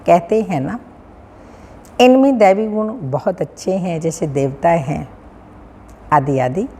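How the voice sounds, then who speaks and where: A woman with a North Indian Hindi accent reading a daily spiritual discourse as a teacher, in a measured, sing-song recitation with pauses and frequent throat-clearing. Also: on the low side, expressive, dark tone. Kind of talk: slow devotional reading of scripture. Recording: long hall reverb, faint room hum.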